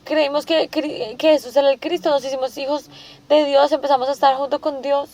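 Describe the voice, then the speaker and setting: A woman preaches a sermon in a notably high voice. She keeps asking her listeners rhetorical questions. She restates each point several times before moving on. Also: steady tone, brisk, a little mellow.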